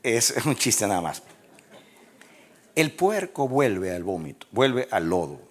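A pastor preaching a sermon, swinging from loud, emphatic lines to hushed ones and laughing at his own jokes. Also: on the low side, very animated, slow pace.

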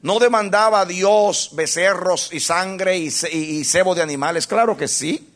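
A man with a high voice preaches a sermon straight to his congregation. He asks them question after question and repeats key phrases for weight. He drops to a hush, then climbs to full, ringing force. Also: a little slow. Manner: impassioned, swings from hushed to loud, repeats phrases for emphasis; addresses the congregation directly with questions.

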